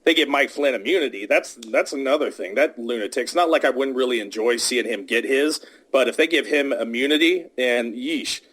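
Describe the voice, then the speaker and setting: A man's voice: medium pitch, normal speed, hardly any pauses, a bit bright, husky. Rambling man hosting a podcast. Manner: rambling, many restarts and "like"s. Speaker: podcast host. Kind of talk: casual political chat. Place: podcast studio, recorded in the US South.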